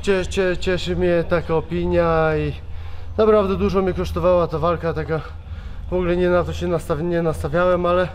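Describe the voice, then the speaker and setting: A man in his thirties, worn out after a fight, answering reporters in a halting way, restarting and repeating words, speaking into handheld mics at a backstage press wall. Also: high-pitched, flat delivery, slight background noise. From Poland. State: exhausted. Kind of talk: post-fight press interview. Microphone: several handheld reporter mics held close.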